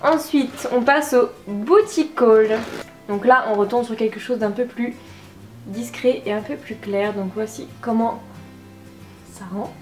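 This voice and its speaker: A woman's voice: a little high, a little slow. Chatty woman reviewing makeup, echoey room. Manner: chatty, enthusiastic, self-deprecating. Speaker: beauty vlogger. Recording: echoey room with faint music.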